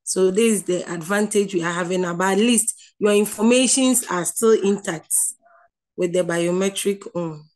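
A woman with a Ghanaian accent and a medium-pitched, darkish voice gives an online lecture over slides. She explains slowly, with many restarts and filler sounds.

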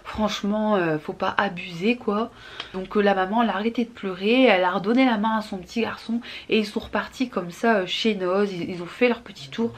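A young woman YouTuber telling a story in a chatty, animated storytime vlog, with slang. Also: medium pitch, brisk, a little hiss or hum.

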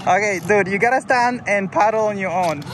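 An excited man with a voice that sits high vlogs out on shallow coastal water, reviewing a paddleboard kayak and calling his speeds out loud. The casual demo is filmed with action cameras on the board and the shore, and outdoor wind and water noise comes through.

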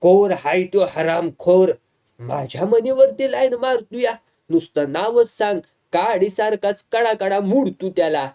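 A storyteller voicing a hot-headed village man who shouts threats in rustic dialect. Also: mid-range voice, lively intonation, measured pace, pitched above the performer's own voice. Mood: furious. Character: hot-headed village wrestler type, furious.

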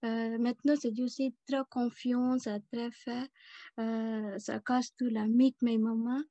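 A Sri Lankan woman with a foreign accent in French, not a native speaker, giving a halting testimony and searching for words over a muffled video call. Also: on the high side, level tone, warm tone, dry recording.

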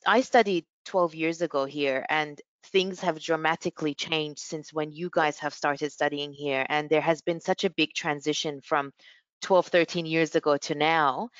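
Woman, video call host, dry close sound, smooth tone, chatty fillers. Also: low-pitched, steady tone, unhurried, fairly bright tone, no room sound, muffled recording. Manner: friendly, lots of fillers like you know. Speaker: university staff host of student session. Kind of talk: hosting a video call panel.

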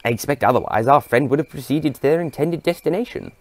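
In an audio drama, a man voices an excitable, erudite old scientist who is fussy, courteous, and delighted. His voice is medium in pitch and pushed upward, he talks fast, and his mood comes across as matter-of-fact.

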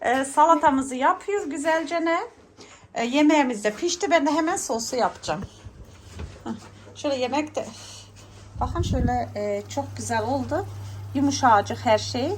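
A woman hosting a casual home vlog, chatting in her kitchen while she cooks, laughing often and telling stories loudly. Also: high-pitched, moderate pace, long pauses, slight background noise. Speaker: vlog host.

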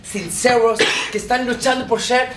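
An actor playing a naive, gentle foreign man with a foreign accent and halting, broken phrasing on stage. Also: extremely high pitch, steady tone. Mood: pleading, earnest. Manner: broken, halting Spanish with simple verbs. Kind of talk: live comic stage acting. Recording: roomy theatre, distant noisy capture.

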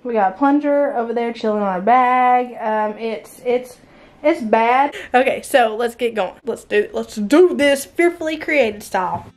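A woman in her thirties with a drawl talks to her camera in a small home, chatty and encouraging, poking fun at herself. Her voice sits high for a woman. The sound comes from a camera held at arm's length. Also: unhurried. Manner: chatty, encouraging, self-deprecating. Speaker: vlogger. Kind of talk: casual clean-with-me vlog. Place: small home bedroom and bathroom.

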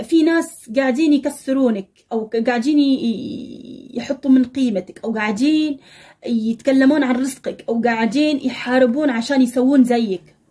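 A woman's voice: sits high, warm tone. A woman giving a tarot reading to her viewers, addressing them directly and scolding them with blunt advice. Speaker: tarot reader. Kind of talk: fortune-reading monologue to viewers.

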